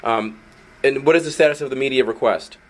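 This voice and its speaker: Speaking a little fast in a mid-range voice, a man delivers outspoken video commentary and a confrontational phone call as an activist journalist. He is wordy, insistent and argumentative, and the recording is very noisy.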